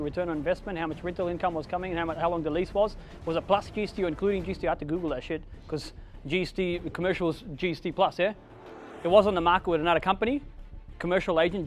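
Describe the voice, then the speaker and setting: A man with an Australian accent giving a blunt, profane motivational talk to an audience, barking emphatic commands. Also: high-pitched. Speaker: keynote speaker.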